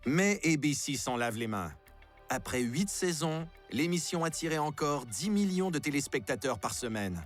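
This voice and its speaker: A man giving measured, slightly ironic scripted narration for a documentary. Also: on the high side, expressive, soft background music.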